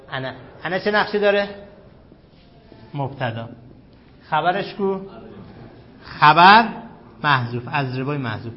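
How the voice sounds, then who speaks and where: A grammar teacher lectures a class in a fairly high voice, firing questions at his students and repeating key terms slowly. The recording sounds dull and lo-fi, with the sound of a classroom.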